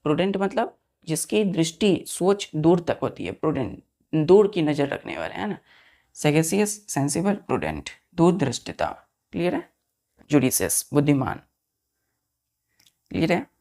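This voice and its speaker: A woman teaching a vocabulary lesson, spelling words out letter by letter and often asking the students if it is clear. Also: sits low, big pitch swings, normal speed, long pauses, warm tone.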